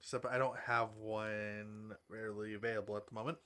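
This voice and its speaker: A man with a bright, forceful voice chats casually on a stream. He rambles and corrects himself mid-thought. He sounds sleepy and yawns between remarks. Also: on the low side, little pitch movement, fairly quick. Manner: rambling, self-correcting, chatty. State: yawning, sleepy. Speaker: streamer with an avatar model.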